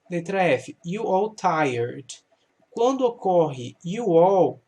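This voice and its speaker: A man with a fairly high voice walks students through an English grammar lesson. He talks slowly and patiently. He poses a question, then answers it himself. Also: a little mellow. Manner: patient, explains slowly, asks and answers his own questions. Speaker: English teacher.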